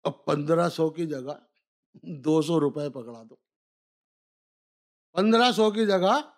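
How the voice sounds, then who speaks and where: A man with a high voice recites humorous, satirical poetry in the mushaira style. He declaims in measured phrases, repeating lines as refrains. Between verses he slips into spoken asides to his listeners. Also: expressive. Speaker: humorous Urdu poet performing at a poetry gathering.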